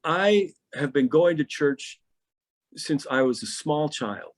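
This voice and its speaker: A man's voice: on the high side, animated, takes it slowly. A middle-aged pastor in a podcast interview, telling stories animatedly and often repeating words as he starts a thought.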